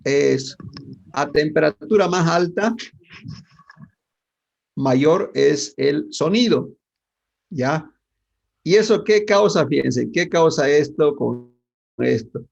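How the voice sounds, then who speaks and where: Guy teaching physics online, gravelly and a bit husky, keeps asking the class stuff, kinda dull lo-fi sound. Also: on the high side, darkish tone. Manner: asks the class questions constantly, with many tag questions.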